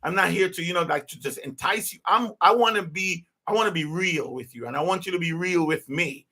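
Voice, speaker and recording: A man's voice: high voice, fairly quick, sharp tone. A man, hosting a podcast as an unscripted personal monologue, earnest and rambling, with many restarts. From Jamaica. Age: 50s. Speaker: podcast host.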